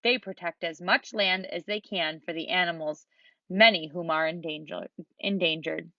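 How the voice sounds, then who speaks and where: A woman's voice: fairly low pitch, normal speed, creaky, dry recording. Santa Claus, read by a woman. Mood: cheerful. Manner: warm, explaining, gently cheerful. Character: jolly older male Santa Claus, kindly tour guide. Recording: dull lo-fi dry recording.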